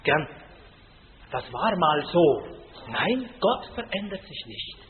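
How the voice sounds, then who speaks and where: A man's voice: fairly high pitch, sing-song, slow pace, crowd noise. A man preaching a sermon in a folksy, emphatic way, often adding a questioning "gell?". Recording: tinny lo-fi line in a reverberant hall.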